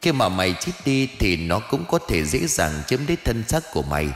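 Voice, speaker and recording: A man's voice: fairly low pitch, very animated, a little fast, reverberant, long reverb tail. A man voicing a pompous, irritable old male ancestor ghost sorcerer who scolds and boasts in an audiobook. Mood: instructive. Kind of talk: audiobook character voice.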